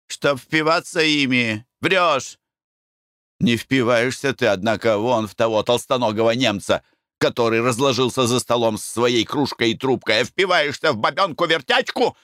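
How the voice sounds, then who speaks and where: A man voicing an irritable, sharp-tongued middle-aged wife in a storybook reading. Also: normal speed, no echo, clean studio sound, close to an everyday voice. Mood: scolding. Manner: scolding, shrill.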